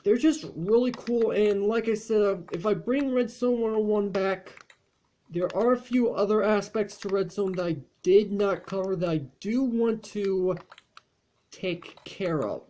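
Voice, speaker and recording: Rambling, mellow-voiced male gaming host. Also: high-pitched, unhurried. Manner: rambling, chatty, frequent fillers. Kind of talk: casual gameplay commentary.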